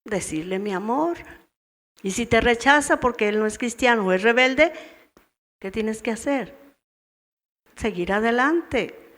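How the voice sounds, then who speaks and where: A woman's voice: on the high side, animated, measured pace, pauses often, a bit bright. A woman with a Mexican Spanish accent teaching a women's church meeting, asking her listeners question after question and acting out wives' replies. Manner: asks the audience many questions, acts out wives' replies. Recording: long hall reverb in a church.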